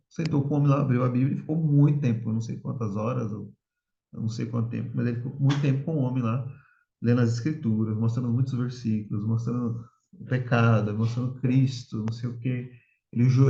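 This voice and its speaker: A man's voice: medium pitch, steady tone, fairly quick, creaky, mellow. A man teaching an informal church Bible class, conversational and often checking in with his listeners. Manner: conversational, tags sentences with questions. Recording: roomy, slightly dull sound.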